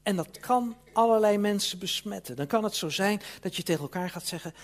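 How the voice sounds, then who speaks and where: Male preacher, fairly high and husky voice, earnest and emphatic sermon delivery. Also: brisk.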